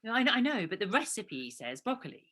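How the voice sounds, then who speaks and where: A woman's voice: on the high side, sing-song, quick pace, a bit bright, husky, exaggerated voice. An actress playing an anxious woman with a London accent, cooking dinner for her partner and talking in a fretful, hesitant way in a naturalistic stage drama. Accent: London English. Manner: fretful, hesitant, restarts when nervous. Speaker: actor in a two-hander play.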